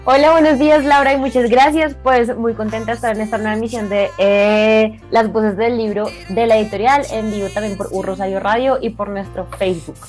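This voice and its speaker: A woman panelist introduces a guest quickly in a fairly high voice. Her delivery is upbeat, with faint music behind it. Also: steady tone, a little mellow. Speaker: radio panelist. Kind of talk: radio introduction.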